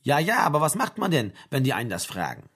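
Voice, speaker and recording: A man reading a cool, quiet young woman. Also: quick pace, slightly rough, full character voice. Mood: curious. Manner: calm, curious, low-key. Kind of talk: audiobook character reading.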